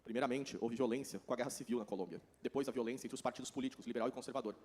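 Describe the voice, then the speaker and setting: A man with a Brazilian Portuguese accent interpreting a speech consecutively, delivering a rapid running translation. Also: mid-range voice, darkish tone.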